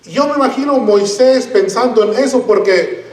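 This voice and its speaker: A man preaching a sermon in a church, teaching slowly and deliberately and leaning hard on key words. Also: very high voice. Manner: slow, deliberate Bible teaching with emphatic stresses. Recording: echoey room, mic at a distance.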